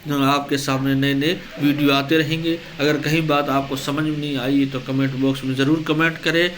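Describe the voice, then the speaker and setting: A male teacher, giving an exam-prep lesson. He asks the class questions, answers them himself, and reads out lists of words slowly. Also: mid-range voice, little pitch movement, fairly bright tone. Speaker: Urdu teacher. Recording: echoey room.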